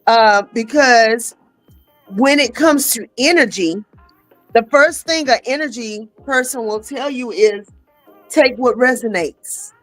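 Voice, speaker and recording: A woman talks as a guest on a casual podcast. Her voice is fairly high, and she speaks in a preachy, emphatic way, calling people baby and honey. Faint music plays under her. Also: slow pace, poor audio. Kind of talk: casual chat.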